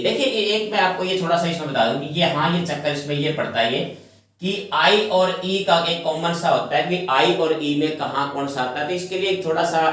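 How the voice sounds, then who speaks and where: A man teaching an exam-prep spelling lesson, spelling words slowly letter by letter and repeating each word several times. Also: on the high side, a bit bright. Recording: very echoey room.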